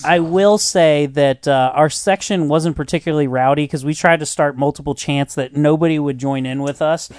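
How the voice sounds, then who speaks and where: A man co-hosting a casual chat, telling stories in an animated way, laughing often and swearing casually. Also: fairly high pitch, normal speed, hardly any pauses, dry recording, clean studio sound.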